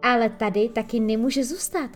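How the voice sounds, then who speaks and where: A woman's voice: a little high, fairly even intonation, faint music behind, natural voice. A woman voicing a worried boy raising objections. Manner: anxious, objecting.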